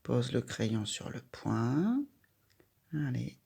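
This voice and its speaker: A woman guides a young child through a handwriting lesson one stroke at a time. She speaks at an extremely unhurried pace, leaving plenty of room between simple instructions. Her voice has a noticeable gravelly fry. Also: very deep voice, very animated, mellow. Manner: patient, addresses the child directly with simple instructions. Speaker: handwriting teacher.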